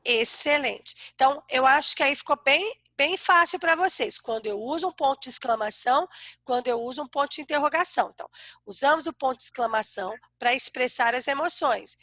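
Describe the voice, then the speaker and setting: A Brazilian woman teaches a class of young children over a video call, her voice high and sing-song. The recording is dry and close, and her tone is bright. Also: a little fast, no room sound. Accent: Brazilian Portuguese. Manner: warm, sing-song teacher talk to small kids. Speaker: primary school teacher.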